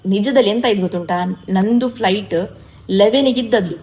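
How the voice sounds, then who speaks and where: A woman's voice: medium pitch, moderate pace, a little mellow, rough recording. Chatty woman. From coastal Karnataka, India. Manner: chatty and emotional, with frequent restarts. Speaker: vlogger. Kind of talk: casual vlog chat.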